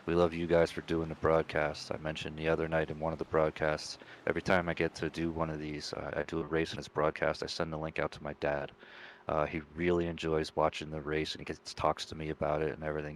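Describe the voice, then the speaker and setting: A man's voice: very deep voice, a little hiss or hum. A man in his forties, a sim racing driver, giving a rambling, heartfelt post-race interview full of thanks. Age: 40s.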